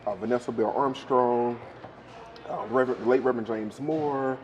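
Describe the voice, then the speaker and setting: A man's voice: medium pitch, steady tone, moderate pace, highs cut off, a little hiss or hum. A young adult man, chatting easygoingly as a guest in a restaurant interview. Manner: easygoing, affirming, says okay often. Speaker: guest, university staff member and choir leader. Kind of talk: casual interview chat. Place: restaurant, indoors.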